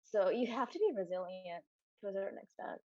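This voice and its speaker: A woman's voice: mid-range voice, big pitch swings, brisk, mellow, no room sound. Young woman, storyboard artist, casual interview, chatty, many fillers, muffled dry audio. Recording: dull dry sound.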